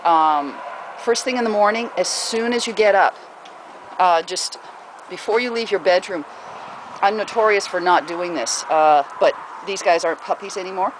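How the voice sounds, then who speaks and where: In a noisy home recording, a pet owner with a mid-range voice and moderate pace casually gives puppy training advice. The talk rambles with lots of fillers and frequent breaks to address the pets.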